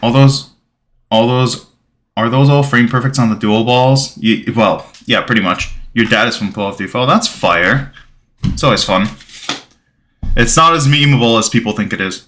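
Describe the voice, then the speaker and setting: Streamer: young man, Bulgarian-native, bright forward tone, rambling casual chat, reads chat and thanks followers. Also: medium pitch, normal speed, a little hiss or hum. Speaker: gaming livestreamer.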